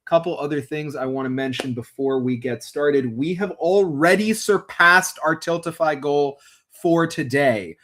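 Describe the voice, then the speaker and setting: A man's voice: a little high, a little slow, fairly bright tone. A man hosting a livestreamed tabletop game as game master, upbeat and explanatory, addressing the chat directly. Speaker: game master and stream host.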